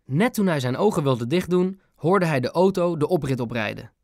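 A man narrating a children's book in a calm, clear storytelling manner. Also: fairly high pitch, normal speed, no echo, clean studio sound. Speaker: audiobook narrator.

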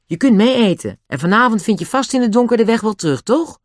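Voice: medium pitch, very animated, normal speed, darkish tone, no echo, studio quality, voice pushed up. A narrator voicing Dick, an eager boy who calls out questions. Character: lively boy, eager and outspoken.

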